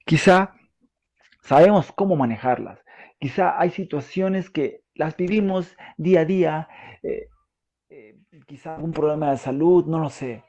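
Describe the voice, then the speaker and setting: A male preacher with a Peruvian Spanish accent delivers a sermon. He talks in a relaxed, conversational way and keeps asking his listeners questions. His voice is gravelly and dark. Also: a little high, unhurried. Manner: conversational, asks the audience questions, frequent fillers.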